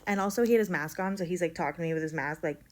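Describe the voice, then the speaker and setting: A woman's voice: on the low side, rapid-fire, slight background noise. Chatty young woman telling a story. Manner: animated, quotes others in livelier voices, many likes. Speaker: vlogger telling her birth story. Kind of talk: casual storytime.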